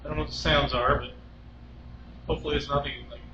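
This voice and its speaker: A man's voice: fairly high pitch, little pitch movement, fast, dull audio. A man narrating his own ghost-hunting vlog as an amateur paranormal investigator, recorded on a handheld camera indoors. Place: indoors, empty public restrooms and office. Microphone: phone or handheld camera. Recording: echoey room, background noise.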